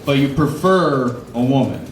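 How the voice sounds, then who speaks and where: A man's voice: mid-range voice, measured pace, slight background noise. A man doing loose, rambling stand-up comedy and crowd work at an open mic, laughing at his own asides. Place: comedy club stage. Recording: roomy club sound.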